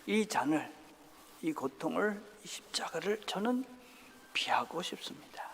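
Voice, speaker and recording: High-pitched, gravelly man preaching in a church. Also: expressive, unhurried, a little hiss or hum. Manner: impassioned, swings from loud to hushed. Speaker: pastor. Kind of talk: sermon. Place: church sanctuary. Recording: long reverb of a church hall.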